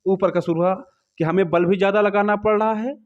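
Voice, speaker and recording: A man leads a music class, going over the notes patiently and checking in with his students as he goes. His voice sits fairly high. The recording is a little dull and lo-fi. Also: steady tone, fairly quick. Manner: patient, repetitive, asks students questions. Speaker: music teacher. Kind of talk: music lesson explaining swaras to students. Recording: slightly dull, lo-fi sound.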